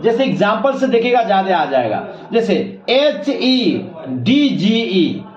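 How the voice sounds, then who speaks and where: A man teaching a classroom English lesson, repeating his own questions and spelling letters out slowly. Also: very high-pitched, darkish tone. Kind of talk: classroom lesson explaining pronunciation. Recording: echoey room, slightly dull sound.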